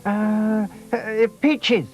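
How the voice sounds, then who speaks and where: Man voicing very high, excitable small children. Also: extremely slow, soft background music. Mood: eager, excited. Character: excitable small boy and girl, eager twins.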